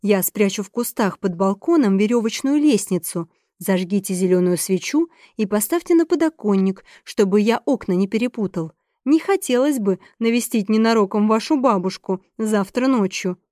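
A woman's voice: medium pitch, lively intonation, normal speed, mellow, dry recording, lightly acted. Woman doing a smug flirty rogue guy, teasing, dry close recording.

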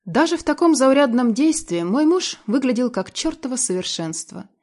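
A woman's voice: high-pitched, sing-song, moderate pace, darkish tone. A woman reading a dramatic novel aloud in the first person, in a tense, emotional way. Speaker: audiobook narrator.

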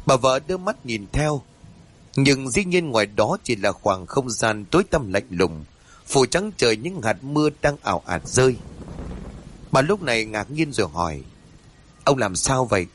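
A man narrating a ghost story in a dramatic, drawn-out reading. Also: medium pitch, big pitch swings, slight background noise. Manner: dramatic, slow and drawn-out in tense passages.

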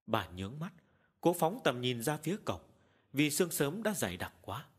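Husky male horror storyteller. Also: medium pitch, big pitch swings, moderate pace. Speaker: narrator. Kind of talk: audiobook horror narration. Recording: long hall reverb.

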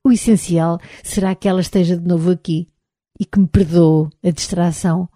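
A woman's voice: lowish voice, steady tone, normal speed, warm tone, no room sound, studio quality, lightly acted. A woman with a European Portuguese accent reading the lines of a troubled middle-aged friend in an audiobook, murmuring and sarcastic in turn. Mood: conciliatory. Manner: murmuring, sarcastic then pleading.

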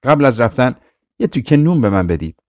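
A man reading an audiobook voices a poor, hungry old stranger who pleads softly. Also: mid-range voice, very animated, no room sound, studio quality, natural voice. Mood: pleading. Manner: soft, pleading.

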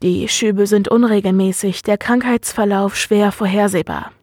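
A woman reading the lines of a calm, earnest male doctor in a measured, serious way. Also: medium pitch, dry recording, clean studio sound, natural voice. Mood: grave.

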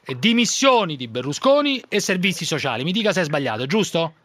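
A man's voice: a little high, sing-song, quick pace, a bit bright. A man hosting a live radio phone-in, blunt and insistent, often cutting in on guests. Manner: blunt, pressing, interrupting. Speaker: radio talk show host.

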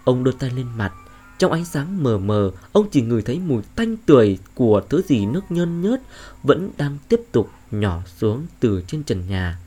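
Expressive male horror storyteller. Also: mid-range voice, moderate pace, faint music behind. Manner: expressive, suspenseful. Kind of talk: dramatic horror story narration.

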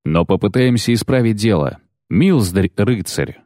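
A gruff, terse monster hunter, read by a male audiobook narrator, with a cold, grumbling delivery. His voice sits very low and sounds dry and close-miked. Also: lively intonation, measured pace, warm tone, no room sound. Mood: curt.

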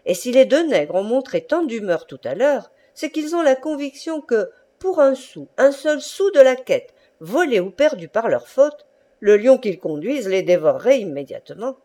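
A woman voices a worldly prince from a storybook reading, smooth and persuasive. He explains at length in a mellow, soft tone. The delivery stays close to a reader's own voice. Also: on the high side, big pitch swings, normal speed, voice pushed up. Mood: suave. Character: smooth-talking worldly male prince, a schemer.

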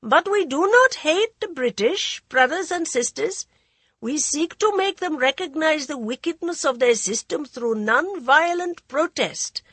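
A woman voicing a frail elderly male freedom leader who addresses a crowd with impassioned oratory in a high, nervous voice. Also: expressive, unhurried, a bit bright, no echo. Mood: impassioned rallying. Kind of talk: audiobook character voice.

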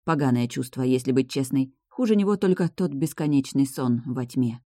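Audiobook narrator, mellow even voice, dry close sound, first-person fantasy reading. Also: mid-range voice, normal speed, dry recording.

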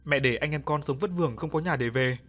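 A man voicing a pleading, vengeful ghost boy in an audio ghost story, wailing loudly. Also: on the high side, quick pace. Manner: wailing, heightened and loud.

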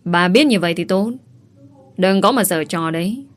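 Woman doing hostile thug, contemptuous, low voice, audio story. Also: animated, normal speed, natural voice. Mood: menacing. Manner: menacing, contemptuous. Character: aggressive male thug, threatening.

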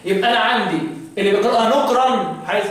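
A man's voice: high-pitched, racing, fairly bright tone. A man with an Egyptian accent teaching Quran recitation, quizzing his students and chanting verses between questions. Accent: Egyptian Arabic. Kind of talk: classroom lesson with call-and-response. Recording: echoey room, distant mic.

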